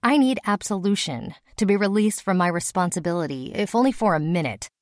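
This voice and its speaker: A woman voicing a weary, gruff male company executive who speaks slowly and sternly. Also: animated, dry recording, clean studio sound. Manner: slow, gruff, low delivery.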